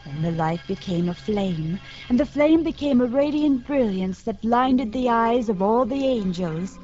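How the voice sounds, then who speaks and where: A woman reading a children's story aloud in a gentle, expressive way as host of a radio program, heard from an old broadcast disc recording. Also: on the high side, measured pace. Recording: dull lo-fi 1950s radio transcription with music.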